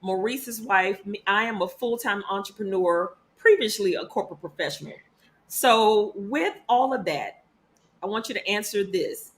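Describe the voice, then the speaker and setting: A woman's voice: mid-range voice, normal speed. A woman hosting an online talk show, upbeat and teasing her guests. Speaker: show host. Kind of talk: casual hosted chat.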